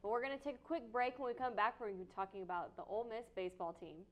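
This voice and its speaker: A young woman hosts a relaxed sports talk show. Her voice sits a little high, and she keeps the chat moving with questions for the panel. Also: very fast, highs cut off, a little hiss or hum. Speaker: show host.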